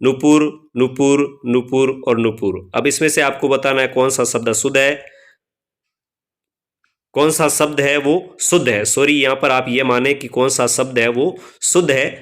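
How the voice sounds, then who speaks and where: A man teaching Hindi grammar, reading out quiz questions and explaining each option one by one, slowing down to spell out letters and addressing viewers as friends. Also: mid-range voice, fairly even intonation, fairly bright tone. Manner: slows down to spell out letters and vowel signs. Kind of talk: spoken quiz walkthrough lesson.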